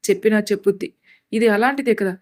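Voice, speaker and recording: A woman's voice: medium pitch, fast talker, dry recording, clean studio sound, natural voice. Grumpy proud young guy in a story, curt and grumbling, woman doing him. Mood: irritated. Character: irritated young man, prideful and sulky.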